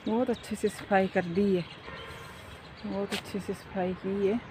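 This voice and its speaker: A middle-aged woman chatting casually as she walks through a park and films a vlog on her phone. She tells stories in an animated way and keeps asking her listeners to agree. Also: medium pitch, measured pace, background noise. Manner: animated storyteller. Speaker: vlogger and mother. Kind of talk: casual walking vlog chat. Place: outdoor park on a foggy day.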